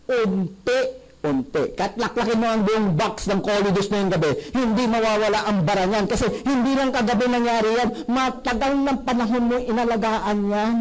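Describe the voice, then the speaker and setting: Man, sales seminar presenter, high voice, quizzes the audience. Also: low-quality recording. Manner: animated, asks the audience questions. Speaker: product presenter.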